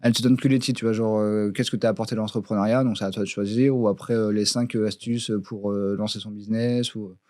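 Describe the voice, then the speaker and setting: A man's voice: fairly low pitch, fairly even intonation, quick pace, few pauses, a little mellow, dry recording. A man co-hosting a podcast in casual chat, talking hesitantly with many fillers and restarts. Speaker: podcast co-host. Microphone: studio podcast mic. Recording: dry close podcast studio sound.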